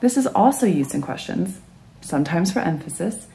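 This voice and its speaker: A woman narrating a scripted English grammar lesson in a clear, even explanatory way. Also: lowish voice, normal speed. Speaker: English teacher.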